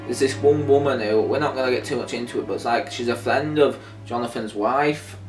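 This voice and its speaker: A male co-host with a medium-pitched voice talks briskly in a casual chat reviewing an audio drama. He sounds conversational and hesitant, thinking aloud, recorded off-mic in an echoey room with a distant microphone and faint music behind him.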